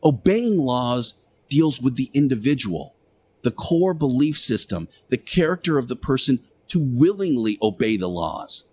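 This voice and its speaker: A man playing Jesus Christ as an earnest, admonishing radio teacher, delivering a moral monologue with emphatic, deliberate pauses. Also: mid-range voice, big pitch swings, a little mellow, a little hiss or hum. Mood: stern, exhorting. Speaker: radio show host.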